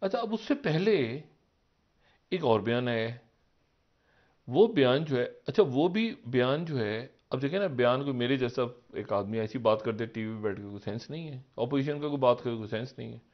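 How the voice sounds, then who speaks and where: A man giving political analysis on a live TV talk show. He rambles, poses rhetorical questions, and swings from low murmurs up to raised, emphatic peaks. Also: animated, normal speed, lo-fi sound. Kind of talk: live TV current-affairs commentary.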